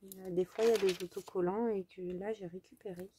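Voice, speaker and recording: A French crafting vlogger with a French accent chats to her viewers as she works, speaking directly to them in a medium-pitched, steady, dark voice at a slightly fast pace. She hesitates often, thinking aloud with many fillers, and there's a little hiss or hum in the recording.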